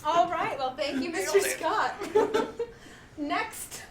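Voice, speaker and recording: A woman hosting a casual game stream, chatty, playful and quick to laugh. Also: very high-pitched, expressive, a loud crowd. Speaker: streamer host running a party card game. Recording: roomy room, distant mic, faint hiss.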